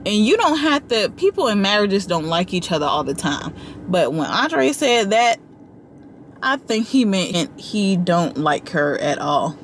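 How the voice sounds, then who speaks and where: Animated woman commentator, casual and direct with her audience, faint background noise. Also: medium pitch, measured pace. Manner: animated, talks straight to viewers with slang and asides. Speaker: commentary vlogger.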